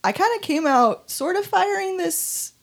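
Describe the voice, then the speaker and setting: A woman's voice: very high-pitched, expressive, a little slow. A young woman hosting a casual podcast, chatting loosely and laughing often between thoughts. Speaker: podcast host.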